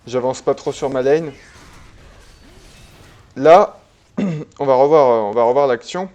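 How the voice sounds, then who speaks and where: A man casually commenting on a replay of his own online game, relaxed and chatty, with many fillers and restarts. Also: mid-range voice, takes it slowly.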